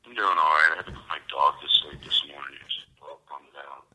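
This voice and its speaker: A podcast guest playing a glum man who calls a friend, his voice heard over a phone on speakerphone and mumbled in a flat, mopey way. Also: rumbling low, fast talker, pitched below the performer's own voice, heavily acted, rough recording. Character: glum man calling a friend after bad news. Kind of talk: comic phone call reenactment.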